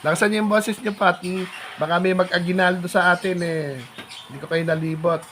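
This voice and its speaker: A man vlogging in a polite, chatty way, halting with fillers, recorded outdoors at a rural home. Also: high-pitched, steady tone, fairly bright tone, a little hiss or hum. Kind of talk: casual vlog chat.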